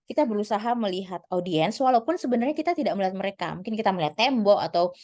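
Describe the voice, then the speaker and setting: A woman's voice: mid-range voice, darkish tone. A woman giving a casual spoken lesson on presenting, chatty, with many fillers and restarts. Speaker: lecturer giving presentation tips.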